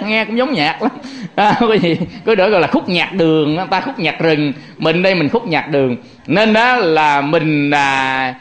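A man's voice: fairly high pitch, fairly bright tone. A male Buddhist monk gives a conversational sermon, his voice sitting well above the usual male range. He jokes freely and keeps turning to the listeners to draw them in. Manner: chatty and joking, constantly addressing the audience. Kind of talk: conversational sermon to lay followers.

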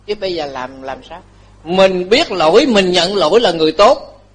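Buddhist monk guy giving a dharma talk, pretty high voice, jokes a lot, repeats himself. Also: moderate pace, slightly rough. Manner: lively, joking, laughs often, repeats phrases. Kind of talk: dharma talk to lay followers.

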